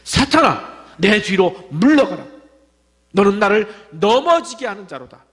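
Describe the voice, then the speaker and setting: A male pastor acting out Jesus in a forceful, proclaiming voice during a sermon. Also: sits high, slow pace, heavily acted. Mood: commanding. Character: commanding Jesus rebuking a disciple. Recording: long church reverb.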